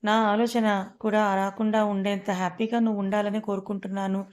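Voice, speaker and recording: A woman's voice: medium pitch, level tone, quick pace, darkish tone, natural voice. A stern, wounded young man speaks in curt, blunt lines, as a woman narrator puts him on. The delivery stays level, with little rise and fall. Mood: pained. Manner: curt, scolding, then pained.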